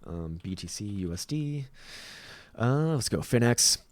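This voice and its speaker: A man with a Latvian accent and a raspy voice, giving casual live chart commentary as host, with informal, self-deprecating asides. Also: fairly low pitch, expressive, a little slow, no room sound. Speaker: host, market analyst.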